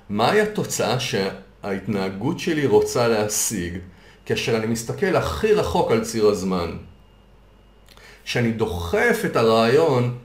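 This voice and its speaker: A man talking through a concept on a podcast at a medium pitch, building his point step by step with worked examples. The recording has a roomy echo around his voice. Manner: patient, explains with worked examples. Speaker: coach and consultant. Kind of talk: explanatory podcast talk.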